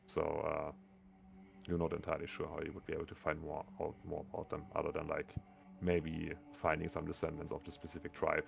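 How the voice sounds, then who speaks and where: A man with a low, gravelly, sonorous voice running a tabletop game as game master, rambling with many fillers. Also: completely flat delivery, a little fast, soft background music.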